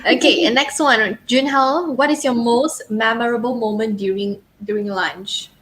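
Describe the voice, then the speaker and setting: A woman hosting a live stream, reading out audience questions in an upbeat, brisk way. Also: on the high side, fairly even intonation, a bit bright, a little hiss or hum, poor audio. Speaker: host.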